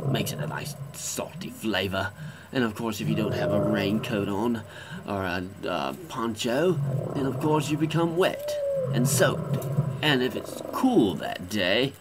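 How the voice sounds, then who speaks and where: A man presenting a children's nature lesson in a theatrical host manner, with quaint turns of phrase. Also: low voice. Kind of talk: children's educational narration. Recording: loud background noise.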